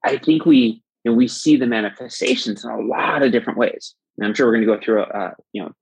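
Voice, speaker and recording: Speaking quickly in a medium-pitched, darkish voice with vocal fry and a breathy edge, a podcast guest explains at length in a conversational way. He's thoughtful and keeps restarting sentences with plenty of fillers, in a rough recording with no room sound.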